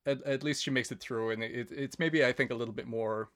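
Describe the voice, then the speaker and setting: A man's voice: medium pitch, steady tone, fairly quick, a bit bright. A man hosting a film podcast in casual chat, hesitant, with many fillers and restarts. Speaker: podcast host.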